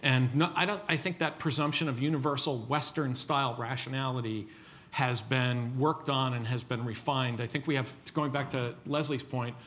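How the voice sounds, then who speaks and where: A man's voice: medium pitch, steady tone, normal speed, fairly bright tone. A man speaking as a panelist, thinking aloud with frequent restarts and stammered openings. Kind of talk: panel discussion answer.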